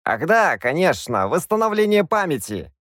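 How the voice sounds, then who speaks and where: A fussy old court wizard, as a male narrator voices him, hesitant and cautious, his voice raised a little above the narrator's and jumping around lively. Recorded dry and close. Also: fairly high pitch, moderate pace, no room sound, pitched above the performer's own voice. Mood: eager.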